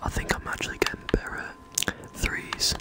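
A person whispering short, low-key ASMR commentary while playing a game, in a breathy, unvoiced voice close to the mic. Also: brisk. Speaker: gaming video host. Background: keyboard or controller clicking.

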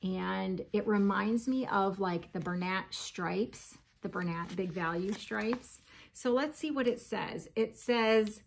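A woman's voice: mid-range voice, slow pace, vocal fry, a little hiss or hum. A woman in her forties chatting casually about her yarn haul at her kitchen table, laughing often and reading yarn labels aloud. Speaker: crochet vlogger. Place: home kitchen, indoors.

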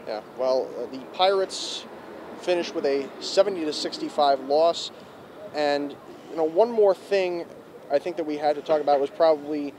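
Young man, student sports reporter, handheld mic, outdoors, faint street noise, slightly high voice. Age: young adult. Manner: brisk, stat-heavy delivery. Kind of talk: postgame recap. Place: outdoors in front of an arena.

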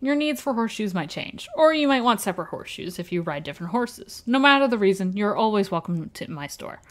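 A woman voicing a kindly older male village blacksmith in a vague put-on accent, reading game dialogue aloud in a formal, warm way. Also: medium pitch, animated, a little fast, close to an everyday voice. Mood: friendly.

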